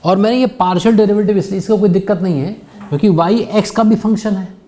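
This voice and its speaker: A man's voice: high-pitched, fast, dark tone. A male physics teacher giving a classroom lecture, patiently quizzing his students as he works through problems.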